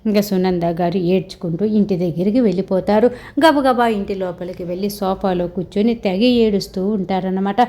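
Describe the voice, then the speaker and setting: A woman's voice: medium pitch, fairly quick, warm tone. Woman casually retelling a serial. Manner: chatty retelling, with frequent narrative tags like "అన్నమాట". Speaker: vlogger retelling a TV serial episode. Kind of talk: casual storytelling recap.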